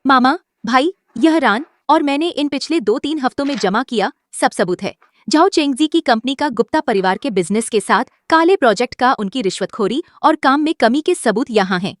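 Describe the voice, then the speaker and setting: A woman's voice: high-pitched, animated, moderate pace, no room sound, clean studio sound. A woman dubbing a determined young woman vowing justice. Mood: earnest. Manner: resolute, earnest. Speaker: dub actor. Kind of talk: Hindi drama dub.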